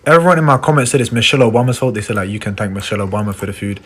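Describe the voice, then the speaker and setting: A man's voice: lowish voice, expressive, rapid-fire, fairly bright tone, breathy edge. A man vlogging casually, joking and incredulous about what he was served. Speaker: video creator. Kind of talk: casual vlog reaction.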